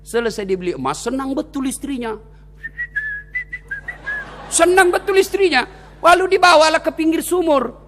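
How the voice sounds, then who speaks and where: High, lively preacher. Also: male voice, moderate pace, long pauses, background noise. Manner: animated, shouting, joking storyteller. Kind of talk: comedic sermon. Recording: long hall reverb.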